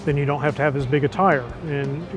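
A middle-aged museum manager explaining an old car, knowledgeable and matter-of-fact, in a large museum hall on a lapel mic. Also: male voice, on the high side, steady tone, fast, over music. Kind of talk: explaining to an interviewer.

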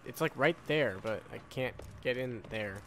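A gaming YouTuber talks casually over his live gameplay, muttering questions to himself and swearing mildly. His mid-range voice moves at a normal speed and sounds a bit bright, with a little hiss or hum on the recording. Faint video game sound plays behind his commentary.

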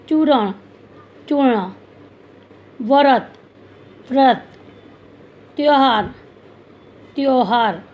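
A woman teacher giving a slow, deliberate grammar lecture to students, reading out each word twice with pauses between them. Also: high-pitched, darkish tone. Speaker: school teacher.

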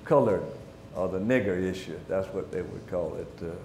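An older man, a retired minister speaking haltingly on a panel with many fillers. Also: low-pitched, background noise. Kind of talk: panel discussion. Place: library event hall. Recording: echoey room.

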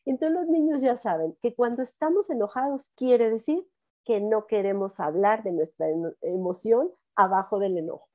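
A woman psychologist with a Mexican accent, telling stories about young patients in lively conversation and acting out their lines. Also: on the high side, moderate pace, muffled recording. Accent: Mexican Spanish. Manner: animated storytelling, acting out children's lines. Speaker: child psychologist. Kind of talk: conversational talk.

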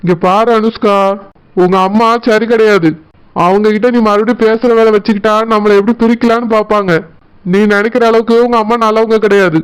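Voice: medium pitch, steady tone, a little fast, clean tone, lightly acted, low-quality recording. A voice actor playing a stern young husband who curtly scolds his crying wife, in a Tirunelveli Tamil accent. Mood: scolding. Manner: curt, scolding.

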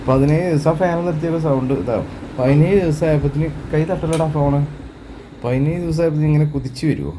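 A man, cooing gentle baby talk to an infant beside a bed indoors. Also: fairly high pitch, fast talker, a little hiss or hum, low-quality recording. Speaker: vlogger, father figure to the baby.

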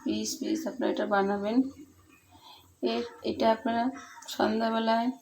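A woman chats through a home recipe, eagerly urging her viewers to make it. Her voice sits a little high. Faint clatter of pans and utensils is heard behind her. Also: flat delivery, normal speed, gravelly, darkish tone, slight background noise. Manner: chatty, pleading with viewers, repeats "please". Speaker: home cooking channel host. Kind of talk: casual cooking demonstration voice-over.

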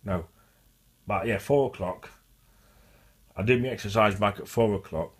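A male vlogger with a stutter and a lowish, slightly breathy voice rambles casually to the camera at a moderate pace. His speech circles around, restarting and repeating phrases.

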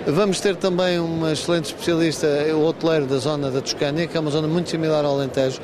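A man's voice: a little high, fairly even intonation, fast, crowd noise. A man in his fifties, a regional tourism official, giving a news interview at a trade fair stand and earnestly urging people to promote the region. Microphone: handheld reporter mic. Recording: background noise from fair hall.

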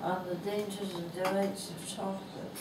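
A Canadian woman in her nineties, an author, reads her own humorous essay aloud in a bookstore, slow, gentle and amused, her thin, weak voice at a medium pitch with a level tone. A lapel mic picks her up while she's filmed from across the room, so the shop sounds echoey and distant, with background noise.

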